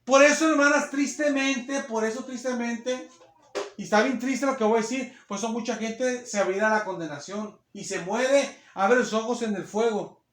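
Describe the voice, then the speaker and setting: A man's voice: extremely high pitch, normal speed, a bit bright, reverberant. A man preaching a sermon in a church, repeating his points emphatically and often addressing the sisters. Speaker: pastor.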